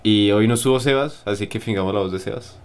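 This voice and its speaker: A man's voice: lowish voice, fast talker, clear, resonant tone. A man hosting a casual podcast and joking around with friends. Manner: joking, playful banter. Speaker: podcast host. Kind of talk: casual chat.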